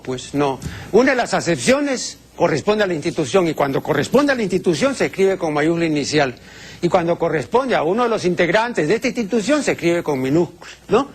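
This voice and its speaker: Pedantic older man, gravelly. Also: on the high side. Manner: strict, pedantic, with many hesitations. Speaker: TV language commentator answering viewers. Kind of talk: talk-show segment answering viewer questions.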